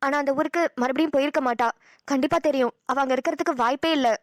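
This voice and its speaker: A woman's voice: high-pitched, fast, dry recording, studio quality, lightly acted. Woman voicing a fond middle-aged cartoon mother. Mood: wistful. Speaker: voice actor. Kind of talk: cartoon dialogue acting.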